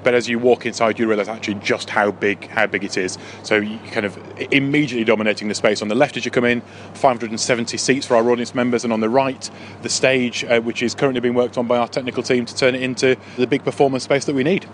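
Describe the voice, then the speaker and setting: Inside a big top tent, a council head of leisure gives an informal, explanatory on-location interview, talking fast in a medium-pitched, steady voice. He repeats words as he goes, with faint background noise around him.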